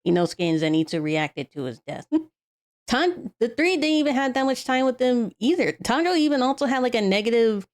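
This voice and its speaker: A woman giving casual reaction commentary in a halting way, often repeating and restarting her phrases. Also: a little high, sing-song. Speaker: reactor streamer.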